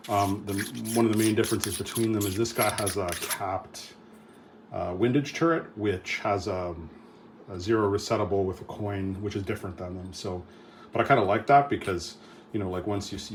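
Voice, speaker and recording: A middle-aged man with a low voice talks through a casual vlog update. He rambles, restarting sentences and filling gaps with ums and uhs. A faint hum of room noise sits behind him. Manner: rambling, with many fillers and restarts. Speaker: firearms channel host.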